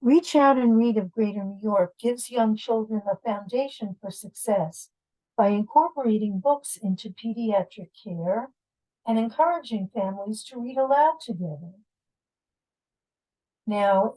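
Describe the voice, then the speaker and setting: A woman with a mellow, medium-pitched voice reads picture books aloud and chats informally with families, explaining things directly to young listeners. The recording quality is low.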